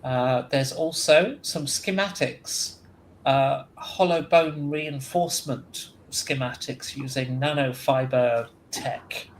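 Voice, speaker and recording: A man acting as game master, describing scenes in a tabletop game slowly with frequent ums and uhs. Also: mid-range voice, a little hiss or hum, low-quality recording. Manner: slow, halting with ums and uhs.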